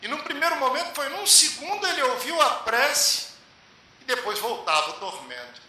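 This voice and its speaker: A man giving a spiritual lecture to a public meeting, telling a story with measured, emphatic pauses. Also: very high voice, very animated, pushed and bright. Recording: echoey hall with faint hiss.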